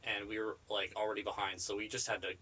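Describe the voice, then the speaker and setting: A man's voice: fairly low pitch, flat delivery, fast talker, pushed and bright, poor audio. A young man co-hosting a podcast in casual chat, laid-back and agreeable, swearing now and then. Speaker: podcast co-host.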